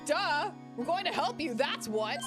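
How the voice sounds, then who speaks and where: A woman's voice: sits high, expressive, measured pace, pitched above the performer's own voice. A woman doing a bubbly, spirited girl sidekick. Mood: bubbly, indignant. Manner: bubbly, indignant. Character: peppy young female sidekick, spirited. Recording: game music underneath.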